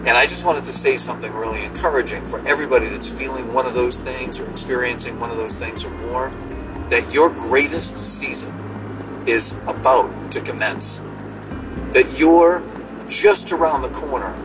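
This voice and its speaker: A man from Massachusetts leaves an uplifting call-in message over a phone line from inside his car. He sits a little away from the mic, and music plays steadily underneath. His delivery is earnest and halting, with frequent fillers. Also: mid-range voice, far from the mic. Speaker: caller.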